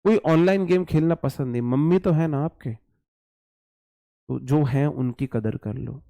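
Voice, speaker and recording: Slow, repetitive man teaching English. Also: a little high, creaky, warm tone, no echo. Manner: slow, repetitive, drills words aloud; casual, speaks to students as brothers. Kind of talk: online exam-prep class.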